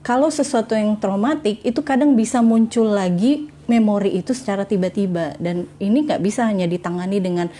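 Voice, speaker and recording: A woman's voice: medium pitch, brisk, few pauses, mellow. A woman hosting a live Q&A on marriage, talking frankly and casually. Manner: frank, conversational, casual slang. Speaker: host.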